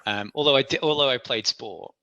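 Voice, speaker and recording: A man's voice: mid-range voice, a little fast, bright, forceful tone, no room sound, lo-fi sound. A man, a podcast guest telling his story in a chatty, self-deprecating way with frequent laughs. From Isle of Man. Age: 40s. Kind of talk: casual interview storytelling.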